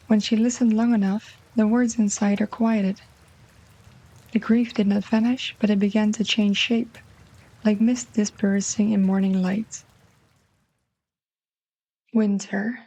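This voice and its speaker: Mellow Dutch-accented woman narrating a story. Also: mid-range voice, poor audio. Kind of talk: scripted literary short story narration.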